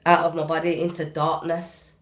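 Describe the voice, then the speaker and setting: A British woman, a guest recording artist, recounts a personal story in a podcast interview, vivid, intense, and casual, with casual dialect grammar. Her voice is deep with a flat delivery at normal speed. The sound is reverberant.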